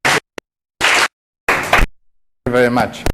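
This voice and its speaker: Man in an echoey conference hall. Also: slow pace. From Argentina. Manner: anecdotal, self-deprecating humor. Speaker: conference speaker. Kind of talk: conference talk. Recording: echoey hall with background noise.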